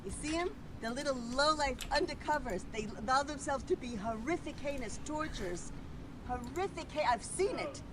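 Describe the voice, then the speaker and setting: Woman yelling accusations on the street, highish voice, loud street noise on a phone clip. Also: animated, moderate pace. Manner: accusatory, repetitive. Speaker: passerby in a street confrontation. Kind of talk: angry ranting monologue. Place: city street outdoors. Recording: noisy street phone recording.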